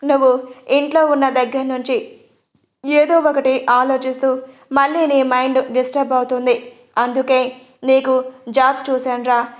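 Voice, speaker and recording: A woman's voice: high voice, little pitch movement, unhurried, long pauses. A woman voicing a young man, a protective elder brother who speaks firmly and earnestly in a storybook reading. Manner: firm, earnest.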